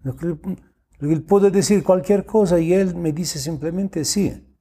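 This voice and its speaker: A man's voice: high voice, measured pace, mellow, breathy edge. A man hosting an advice show, answering a listener's message in a casual, blunt way, with slang and swearing. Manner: reads out the listener's words and then comments.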